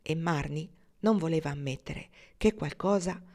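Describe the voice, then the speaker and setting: Calm woman narrator, lowish voice. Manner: calm, measured reading. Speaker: audiobook reader. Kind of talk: scripted narration.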